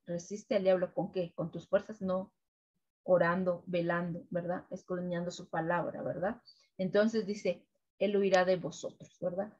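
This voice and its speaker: A woman leading a weekly Bible devotional, preaching gently and ending nearly every sentence with a questioning "right?". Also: lowish voice, lo-fi sound. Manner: keeps adding "right?" tags, gentle repetitive preaching. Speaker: devotional co-host.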